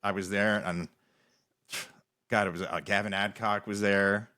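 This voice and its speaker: A man's voice: lowish voice, little pitch movement, a little slow, bright, forceful tone. A young man hosting a podcast, telling loose, rambling stories in casual chat with many restarts. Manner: rambling storyteller, many restarts, laughs often. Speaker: podcast host.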